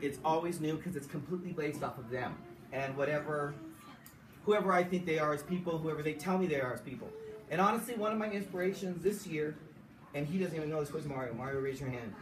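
Chatty male teacher in an echoey room. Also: a little high. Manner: chatty and warm, laughing often. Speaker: teacher directing a school show. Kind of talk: casual welcome speech to an audience. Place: warm school room, indoors. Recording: echoey room from far off, with noise.

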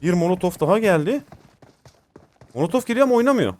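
High-pitched young man doing gameplay commentary. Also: big pitch swings, fast talker, darkish tone, a little hiss or hum. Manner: informal, slangy, addresses viewers as friends. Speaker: gaming video host.

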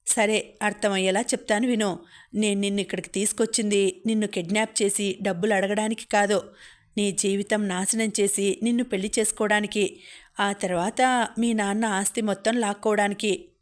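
A woman's voice: mid-range voice, steady tone, moderate pace, natural voice. A woman voicing a brash, scheming young man who taunts and boasts, in a storybook reading.

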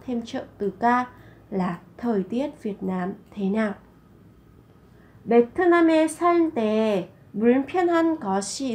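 Female Korean tutor, higher pitch, patient slow drills with repetition. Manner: repeats Korean phrases slowly, then explains in Vietnamese. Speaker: Korean language teacher. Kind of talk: slow explanatory lesson narration.

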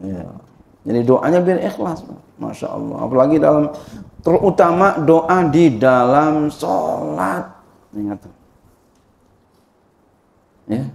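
A man's voice: fairly high pitch, lively intonation, slow, gravelly, pauses often, a little mellow, reverberant. A man giving an informal religious lesson, repeating phrases and addressing his listeners directly. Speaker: religious teacher.

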